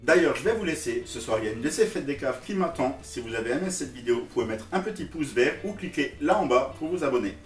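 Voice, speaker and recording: A man with an Alsatian French accent, from Alsace, delivering a teasing comic monologue to his viewers. His voice sits at an ordinary pitch and sounds a little far from the microphone. The room is echoey, with faint music behind him. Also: expressive, fast, few pauses. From Alsace, France. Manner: jokey, teasing, talks straight to viewers. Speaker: vlogger.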